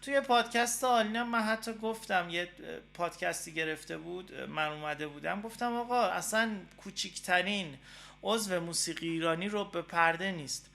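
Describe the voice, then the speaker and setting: A man from Iran hosts a relaxed, spoken guitar lesson. His voice sits high and sounds bright and forward. He rambles chattily, with plenty of filler sounds, and pauses to play short examples on the guitar. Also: gravelly. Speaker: guitar teacher and show host.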